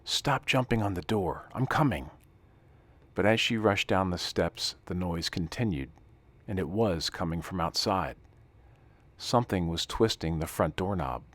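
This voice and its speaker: A man with a deep, low voice reads a scripted story at an even, steady pace. The recording is close and dry, with no room sound around him. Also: dry recording. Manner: calm, steady reading with hushed dramatic passages. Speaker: narrator.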